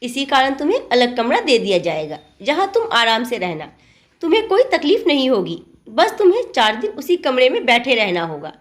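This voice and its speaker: A woman's voice: fairly high pitch, very animated, normal speed. A woman voicing a strict, traditional middle-aged mother-in-law who lectures and scolds in a storybook tale. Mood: lecturing.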